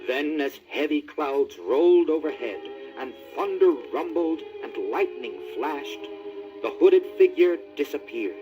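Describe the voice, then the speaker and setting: A man narrating a children's read-along story record. His delivery is animated, swooping widely in pitch from a slightly raised base, while gentle music plays quietly behind him. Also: unhurried, rough recording. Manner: animated, expressive.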